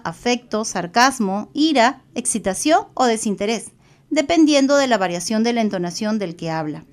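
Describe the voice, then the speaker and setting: A woman with a Peruvian Spanish accent giving a recorded online psychology lecture, explaining carefully with fillers and self-corrections. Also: a little high.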